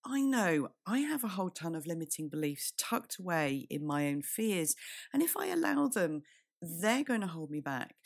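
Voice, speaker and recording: A woman with a British accent and a fairly low, croaky voice that tends to break. She talks candidly and directly to her listeners in the conversational style of a motivational podcast host.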